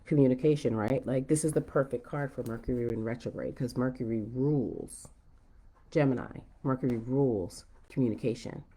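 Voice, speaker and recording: A woman's voice: very deep voice, normal speed, dark tone, slightly rough. A woman giving a mystical, conversational horoscope and tarot reading, musing aloud and often checking in with the listener. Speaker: tarot reader hosting a forecast. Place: at home, indoors.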